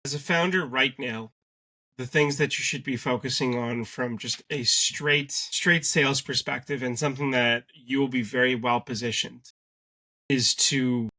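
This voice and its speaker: A Canadian man talks business in a podcast interview with a bright, forceful edge to his voice. He is articulate and emphatic, and he leans hard on his key points. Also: mid-range voice. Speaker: guest, sales agency cofounder.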